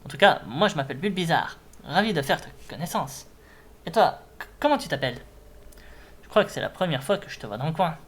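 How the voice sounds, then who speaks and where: A man's voice: on the high side, big pitch swings, fairly quick. A man voicing a friendly, concerned young monster in a video game, earnest and wide-eyed. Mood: friendly, curious. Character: friendly, concerned young Pokémon who loves the beach.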